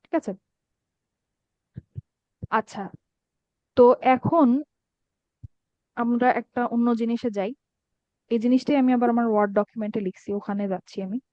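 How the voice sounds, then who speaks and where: A woman runs an online Arabic grammar class with patience, often checking that students are following along. Her voice is on the high side and slightly mellow, fairly even in intonation, at a moderate pace with frequent pauses. The sound is dull, dry, and lo-fi, with no room sound.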